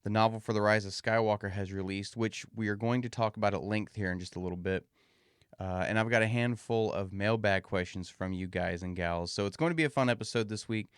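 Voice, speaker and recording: A man with a fairly deep, resonant voice hosts a solo podcast, chatting casually and folksily right to his listeners. His brisk, clear speech has a slightly muffled edge from a swollen mouth, recorded dry and close with no echo.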